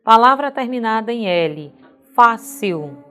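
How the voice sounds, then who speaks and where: A woman teacher giving a recorded video lesson. She explains each rule step by step, spells out word endings letter by letter, and keeps checking understanding with a quick "ok?". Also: on the high side, animated, fairly bright tone, smooth, faint music behind. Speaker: Portuguese teacher.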